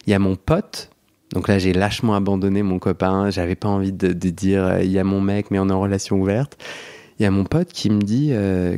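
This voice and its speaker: A man's voice: fairly low pitch, mellow. A young man hosting a podcast, telling a story in a chatty way, laughing often and restarting his sentences. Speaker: podcast host. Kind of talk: casual storytelling chat.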